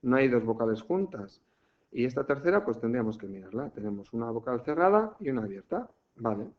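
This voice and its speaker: Male teacher, patient step-by-step lesson, mid-pitched voice, slightly dull recording. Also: big pitch swings, fairly quick. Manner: patient, explains step by step, checks in often with "¿vale?". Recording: muffled lo-fi home recording.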